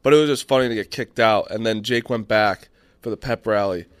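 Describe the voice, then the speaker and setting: A man's voice: lowish voice, brisk, clear, resonant tone, dry recording. A young man hosting a casual chat, telling a story in a rambling way and swearing freely. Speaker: podcast host.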